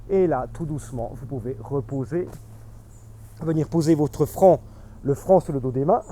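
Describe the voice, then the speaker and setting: Male Pilates instructor, bit high, mellow tone, counts reps mid-workout. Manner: cueing and counting reps while exercising.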